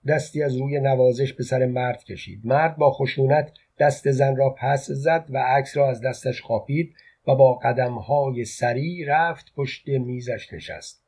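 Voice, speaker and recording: A man narrating a literary novel in a measured, calm storytelling voice that sounds husky. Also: medium pitch. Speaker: audiobook narrator.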